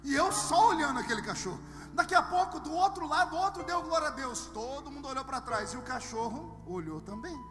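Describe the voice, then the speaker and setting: A very high-pitched man from Brazil preaching a sermon in a big hall, where his voice trails off in a long reverb. Music plays clearly underneath as he tells humorous stories, acts out the dialogue, and swings from hushed tones to shouts. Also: animated, brisk. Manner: humorous storytelling with acted dialogue. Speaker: pastor.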